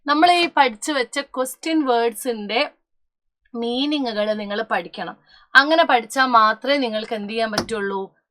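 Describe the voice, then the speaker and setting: A woman's voice: on the high side, normal speed, sharp tone. A young woman teaching an online class, who talks to her students as children, asks questions and answers them herself, and often stops to correct herself. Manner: mixes English words into her speech, corrects herself often.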